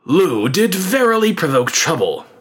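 A man's voice: fairly high pitch, big pitch swings, a little slow, pitched above the performer's own voice. A man voicing a cautious court minister who speaks formally and noncommittally, quoted in a spoken history lesson. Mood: guarded.

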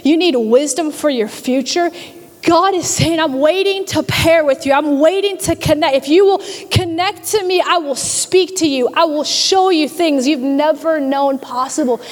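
A woman pastor preaching a sermon to her church, animated, often repeating her words and acting out the voices she quotes. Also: high-pitched. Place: large church hall. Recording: long hall reverb.

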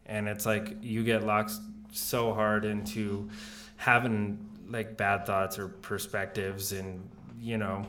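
A young man in casual podcast chat with his partner, relaxed and laughing often, swearing freely. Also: lowish voice, slow, a little hiss or hum. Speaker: podcast co-host.

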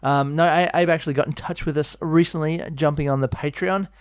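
A man's voice: on the high side, steady tone, a little fast, clean tone, no echo. Teasing male podcast co-host, dry sound. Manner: joking, wordplay, teasing. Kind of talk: casual chat.

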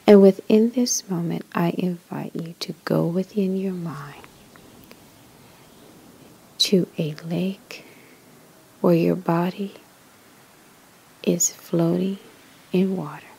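A woman guides a meditation in a soft spa whisper, very breathy and husky. Her delivery is slow and soothing, with short measured phrases and a gentle creak in the low-lying voice. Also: steady tone, rough recording.

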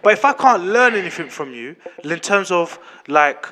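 A man's voice: high voice, big pitch swings, normal speed, bright, forceful tone. A man in his late twenties with a London roadman accent, chatting casually and emphatically as a podcast host, repeating himself and using slang. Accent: London roadman (urban London slang accent). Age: late 20s. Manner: emphatic, repetitive, slang-heavy. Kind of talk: casual opinionated chat.

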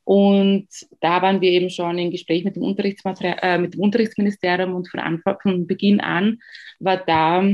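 A woman from Ghana, a guest answering interview questions in a measured, thoughtful way with frequent pauses to find words. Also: lowish voice, level tone, dull audio. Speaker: guest, education researcher.

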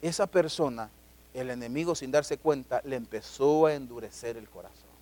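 A middle-aged man, preaching a sermon as pastor, swinging between loud, emphatic declarations and low asides. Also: moderate pace.

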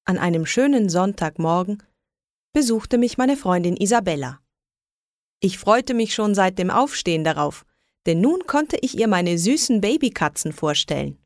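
A woman reading a children's story aloud in a lively, expressive way. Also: medium pitch, moderate pace, no room sound, studio quality. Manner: lively, expressive reading with raised voices for quoted calls. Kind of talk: scripted children's story narration.

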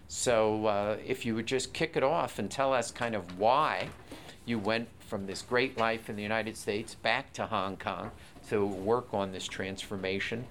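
Gravelly-voiced male moderator, jovial. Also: on the low side, fairly bright tone, a little hiss or hum. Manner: jovial, bantering. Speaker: event moderator. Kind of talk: onstage introduction and Q&A moderation. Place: event room before an audience.

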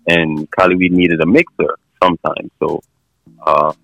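A man's voice: low-pitched, level tone, unhurried, vocal fry, a bit bright, no room sound. A man chatting casually as an interview guest on a phone call, slangy and laid-back. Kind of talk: casual chat.

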